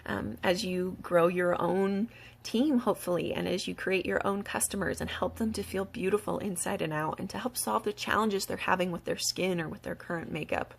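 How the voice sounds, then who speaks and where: A woman giving a casual, eager sales pitch to the camera, talking fast between fillers and little laughs. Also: steady tone, vocal fry, breathy edge. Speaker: beauty product distributor.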